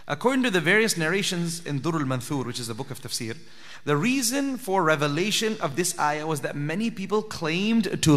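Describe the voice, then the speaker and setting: An Islamic teacher gives an earnest sermon during i'tikaf at a spiritual retreat, putting direct questions to his listeners. His voice is a little high and a bit bright. A long hall reverb colors the recording.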